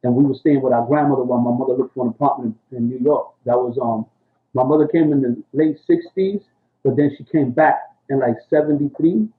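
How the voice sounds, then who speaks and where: A Puerto Rican man in his sixties, a rapper being interviewed for a casual oral history, tells his family history in a loose, rambling way packed with street slang and "you know what I'm saying." His mid-range voice is steady and a little fast, and the audio sounds narrow and tinny.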